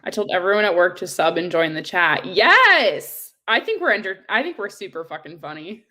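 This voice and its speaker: A woman's voice: medium pitch, very animated, normal speed, bright, forceful tone. Chatty young woman losing her voice. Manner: chatty and joking, swears casually. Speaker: co-host of a hockey livestream. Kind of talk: casual live chat.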